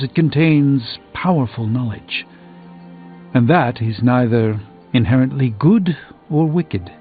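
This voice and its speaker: In scripted video game dialogue, an actor voices a grave, learned, reassuring adult male sorcerer, speaking formally, measuredly and philosophically. His voice is male and medium in pitch. The audio is tinny and band-limited, with music.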